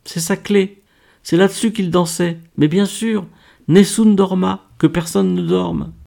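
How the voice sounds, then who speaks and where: A man reading an audiobook, voicing an excitable young woman who runs a dance show, in a breathless, gushing way. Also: medium pitch, moderate pace, gravelly. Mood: eager.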